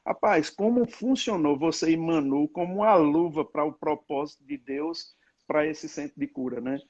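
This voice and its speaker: Reminiscing church leader, rambling. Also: male voice, a little high, normal speed, a little mellow, highs cut off. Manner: rambling, reminiscing, lots of tag questions. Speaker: apostle. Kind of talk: casual conversation on a live stream.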